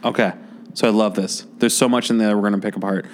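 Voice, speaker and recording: Guy hosting a podcast, easygoing, a bit sarcastic, lowish voice. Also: quick pace. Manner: relaxed and chatty, with dry sarcasm. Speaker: podcast host; college instructor. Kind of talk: casual interview. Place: office space during an event.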